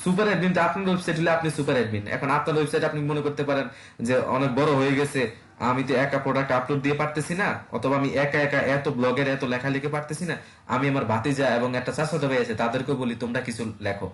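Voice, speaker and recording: A man's voice: medium pitch, steady tone, rapid-fire, fairly bright tone, reverberant. A man, teaching an online web design class in a casual way, with many fillers and checks on his students.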